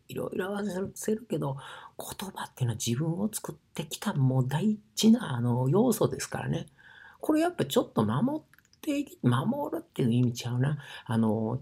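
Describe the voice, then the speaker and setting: A man from Osaka speaking with an Osaka dialect, rambling in a casual monologue with many fillers and often sinking to a breathy near-whisper. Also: mid-range voice, a little mellow. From Osaka, Japan. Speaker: sauna ambassador.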